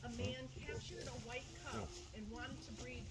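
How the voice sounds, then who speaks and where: A woman with a fairly high voice speaks as a wildlife tour guide, explaining things informally to a group. She is outdoors among animal enclosures, and heavy background noise runs through the recording. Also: fairly even intonation, moderate pace. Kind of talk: informal educational tour talk.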